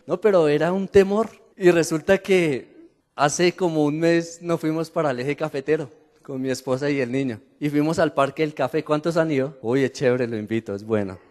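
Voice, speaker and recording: A man's voice: on the high side, normal speed. A Colombian man preaching a sermon to his congregation, telling stories with humor and asking the crowd questions. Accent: Colombian Spanish. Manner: animated storytelling with the congregation, laughing and asking questions. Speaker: pastor. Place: church hall. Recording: long hall reverb.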